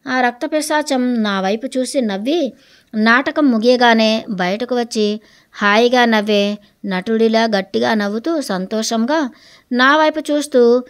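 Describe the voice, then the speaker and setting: A woman narrating an audiobook in a steady, measured storytelling manner. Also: a little high, clean tone.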